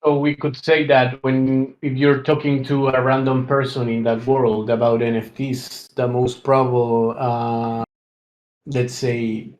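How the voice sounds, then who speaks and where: A man's voice: medium pitch, darkish tone, echoey room. A man co-hosting a casual discussion, thinking aloud with many fillers and restarts. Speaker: podcast co-host.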